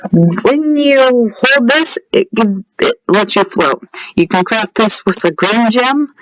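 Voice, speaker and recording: Man, high voice, unhurried delivery, rambling game-mod walkthrough with offhand asides, dull lo-fi audio. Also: animated, a bit bright, no room sound. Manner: rambling, offhand asides, talks to viewers directly. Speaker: game mod creator showcasing his mod. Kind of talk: casual gameplay commentary. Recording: dull lo-fi recording.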